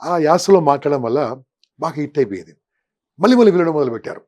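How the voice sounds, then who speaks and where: Fast-talking older man. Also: fairly high pitch, dull audio. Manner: animated storytelling with lists and acted quotes. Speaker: interview guest, motivational speaker. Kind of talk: casual interview talk.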